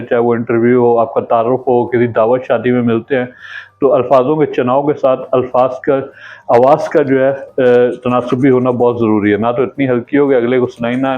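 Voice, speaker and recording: A man teaching a classroom lesson, explaining slowly with pauses and fillers. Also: mid-range voice. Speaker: Urdu teacher. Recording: tinny phone-like sound, faint music.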